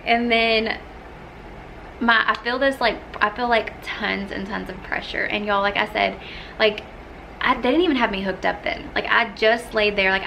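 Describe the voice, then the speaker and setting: Chatty young woman, gravelly edge. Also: medium pitch, pushed and bright, slight background noise, rough recording. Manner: chatty, many "like" fillers, acts out quoted lines. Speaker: vlogger. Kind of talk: casual storytelling to camera.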